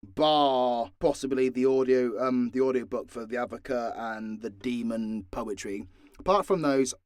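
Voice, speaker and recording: Answering listeners in an unscripted Q&A monologue, an audio drama creator talks off the cuff, blunt, sweary, and theatrically exasperated. His mid-range voice is unhurried and a little mellow, captured dry with clean studio sound.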